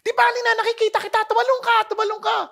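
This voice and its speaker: Storytelling bit: a panicky, bossy father shouting from below, pitched high played by a preacher mid-sermon. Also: level tone, very fast, creaky, exaggerated voice. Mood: urgent. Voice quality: high, loud and urgent. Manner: shouted commands, half-laughing. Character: frantic father urging his child to jump from a burning house.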